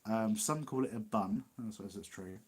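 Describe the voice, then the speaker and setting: Husky East Midlands man chatting live. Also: lowish voice, moderate pace. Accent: East Midlands English. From Nottinghamshire, England. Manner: rambling, chatty, laughs often. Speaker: livestream host. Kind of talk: casual live Q&A chat.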